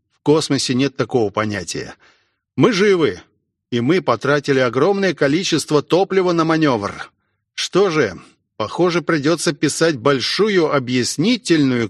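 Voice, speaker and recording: A man voicing a gruff, wry veteran male station commander in an audiobook, talking in an unhurried way. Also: medium pitch, no room sound, studio quality, lightly acted. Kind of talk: audiobook character voice.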